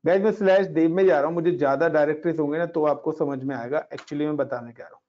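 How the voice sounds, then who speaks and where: Speaking rapid-fire in a slightly high, somewhat mellow voice, a man leads a casual screen-share Linux class explaining commands. He's chatty, talks students through every step, and mixes in English words, in a dull lo-fi recording.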